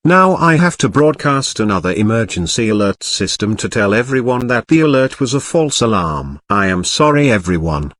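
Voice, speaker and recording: A man's voice: on the low side, sing-song, moderate pace, hardly any pauses, fairly bright tone, dry recording. A computer voice of a man playing a broadcaster, with stilted, formal delivery.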